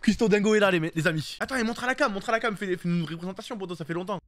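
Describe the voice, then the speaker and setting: A man's voice: sits high, rapid-fire. A young man chatting live on a stream from his home setup, rambling and slangy, often restarting his sentences. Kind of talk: casual live-stream chat.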